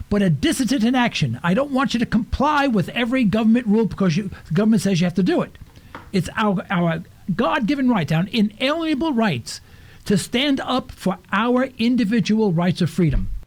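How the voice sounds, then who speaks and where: A man's voice: high voice, expressive, fairly quick. A man giving earnest political commentary on the radio, urging his listeners to act. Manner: earnest, exhorting.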